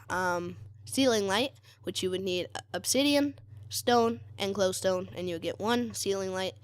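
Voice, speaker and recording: A woman's voice: medium pitch, no room sound. A woman giving casual commentary while showing a game mod, hesitant and chatty, full of fillers and frequent self-corrections. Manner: hesitant, many fillers, corrects herself often; chatty and easily sidetracked.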